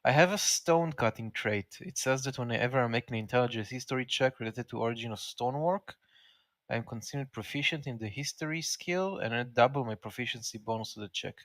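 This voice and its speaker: A man's voice: medium pitch, brisk, a bit bright, no room sound. Man chatting casually, very dry close sound. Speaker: tabletop game player. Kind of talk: casual game chat.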